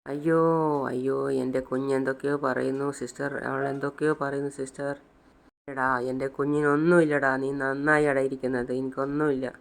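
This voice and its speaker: A grieving poor mother pleading through tears for her sick daughter, as a man puts her on. The voice is gravelly and kept within a narrow pitch range, in a retold serial drama. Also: flat delivery, a little fast, lightly acted. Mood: frantic. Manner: pleading, tearful.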